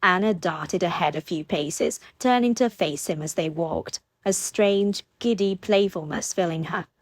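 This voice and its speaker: Woman reading a novel aloud, lowish voice, dry close sound. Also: a little slow, dry recording. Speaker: audiobook narrator. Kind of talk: scripted audiobook narration.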